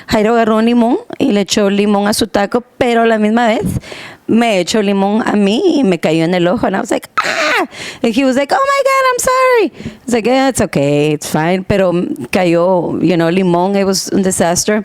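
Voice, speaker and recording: A woman's voice: medium pitch, a little mellow, clean tone, no room sound. A young woman chats on her home podcast, jumping between Spanish and English as she tells a story and laughing often. Her voice sits in an ordinary middle register. The recording is dry and close, with almost no room sound. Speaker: podcast co-host, pastor's wife. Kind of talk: casual storytelling chat. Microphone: home podcast mic.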